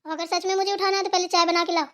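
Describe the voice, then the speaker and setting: A woman's voice: very high-pitched, level tone, racing, fairly bright tone. A woman voicing a lazy, spoiled young daughter-in-law who talks in a whiny, defiant way.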